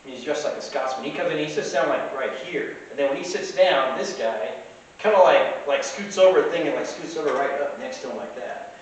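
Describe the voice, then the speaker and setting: A man's voice: fairly high pitch, lively intonation, brisk. A middle-aged man, a tavern keeper, telling a casual rambling anecdote full of restarts and fillers, recorded inside the tavern. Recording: very echoey, distant, faint hiss.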